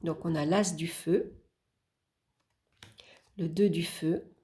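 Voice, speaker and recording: Female host, low gravelly tone, very slow casual deck walkthrough, murmured card names. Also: steady tone. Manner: unhurried, murmuring card names while flipping, with small hesitations; warm, admiring remarks about the artwork. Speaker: channel host presenting a tarot deck.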